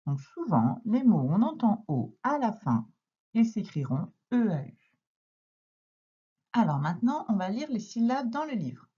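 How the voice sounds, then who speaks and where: A woman's voice: mid-range voice, dark tone, husky, muffled recording. A woman teaching a reading lesson to young children, speaking patiently and sounding out letters and syllables one by one. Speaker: primary school teacher.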